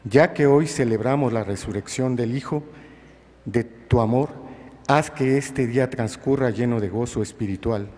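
A man leading prayers at Mass, reading liturgical intercessions in a formal, measured way. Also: medium pitch, a little mellow. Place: large reverberant church. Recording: long church reverb.

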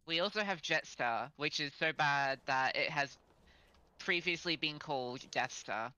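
An Australian-accented speaker with a bright, sharp tone and a mid-range pitch chats casually with friends. The delivery is wry and curious, and this speaker keeps nudging the conversation toward new questions. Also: measured pace, clean tone, no room sound, poor audio. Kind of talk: casual chat among friends.

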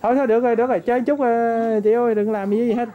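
A woman's voice: a little high, steady tone, very fast, phone-quality sound. A woman, a visiting relative making polite, chatty conversation with lots of questions. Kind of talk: casual family chat.

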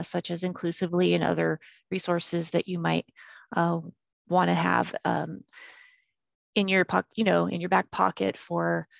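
A woman working as a college success coach, introducing herself informally and haltingly over a video call. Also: on the low side, creaky, dry recording. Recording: slightly dull video-call audio.

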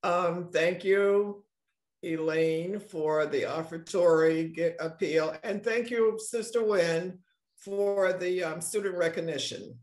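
A man leading a church service, thanking members slowly with halting pauses. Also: high-pitched, darkish tone, echoey room. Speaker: worship service leader. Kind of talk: church announcements. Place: church sanctuary.

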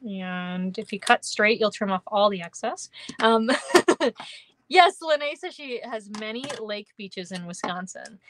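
A young woman with a Minnesotan accent talks slowly in a medium-pitched, fairly bright voice, with slight background noise. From her indoor craft room, she runs a live-streamed card-making class. She chats with viewers in a giggly, rambling way, full of ums and kindas.

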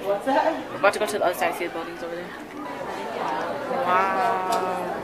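A woman's voice: lowish voice, little pitch movement, normal speed. A young woman filming a casual travel vlog on her phone, chatty and gushing over every view as she walks through busy city spots and rides a boat. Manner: chatty, gushing, easily impressed. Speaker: vlogger. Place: outdoors in a busy city, on a boat and in crowded public spaces. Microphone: handheld phone camera. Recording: noisy phone video in crowds. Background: crowd chatter and loud street and water noise.

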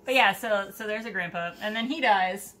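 A woman's voice: mid-range voice, normal speed, pushed and bright. A young adult woman in casual book chat, speaking bluntly and informally with plenty of swearing. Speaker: book review co-host. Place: room with bookshelves, indoors.

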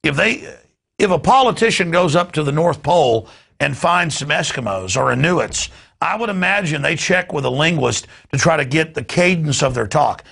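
Brief: male news host, very gravelly, talks off the cuff with repeated restarts, studio sound. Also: fairly high pitch, expressive, normal speed, fairly bright tone. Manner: rambling, stammering restarts.

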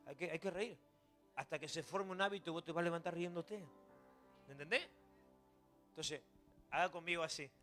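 A man with a Rioplatense accent preaching a sermon to a church congregation, moving between quiet asides and shouted exhortation, joking and coaxing the listeners. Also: fairly high pitch, a little fast, pauses often, faint music behind. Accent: Rioplatense Spanish. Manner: jokes and coaxes the congregation. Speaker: pastor.

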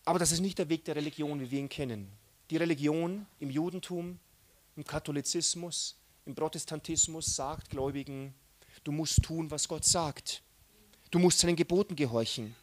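A man preaching a sermon, animated, swinging between loud outbursts and soft, hushed asides. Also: fairly high pitch, moderate pace. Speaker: pastor.

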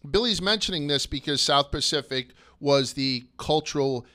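A man's voice: fairly high pitch, lively intonation, moderate pace, pushed and bright, dry recording. A man hosting a casual history podcast, chatty and crude, going off on tangents. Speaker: podcast host.

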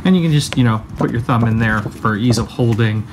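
A man casually showing off a haul from an apartment room, talking in a relaxed way with many ums and fillers. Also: medium pitch, brisk, noisy background. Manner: relaxed, many ums, enthusiastic about collectibles. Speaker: co-host showing a merchandise haul. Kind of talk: casual chat. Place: one-bedroom rented apartment, indoors.

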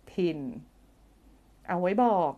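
The recording is muffled, carrying a woman's dark-toned voice as she takes her time. She teaches English grammar over a live stream and reads viewer comments, keeping things playful and conversational, laughing often and humming as she works through her thoughts aloud. A phone or desk streaming mic picks her up.

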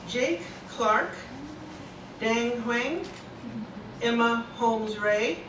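A woman presenting art awards at a public meeting, reading out names slowly with pauses. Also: on the high side, animated. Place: large indoor board meeting room. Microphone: far room camera. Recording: echoey hall, distant camera, room noise.

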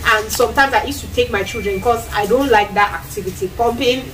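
A fairly high voice moving briskly comes from a woman in her thirties with a Cameroonian accent, vlogging casually while she cooks in a compact tiled kitchen. Lots of hand gestures and acted-out quotes make her animated. Her camera, a few feet away, records distant, low-quality audio.

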